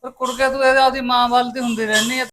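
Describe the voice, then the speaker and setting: A man's voice: very high voice, level tone, fast talker, noisy background. A man with a Punjabi accent playing a drunken, stubborn father who sulks and snaps back at his family. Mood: grumbling. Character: drunken stubborn middle-aged husband and father. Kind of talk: Punjabi short film acting.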